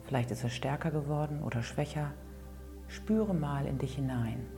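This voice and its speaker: A woman leading a guided tapping session in a calm instructing voice, at times dropping to a soft whisper. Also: a bass voice, moderate pace, music in the background. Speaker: tapping coach.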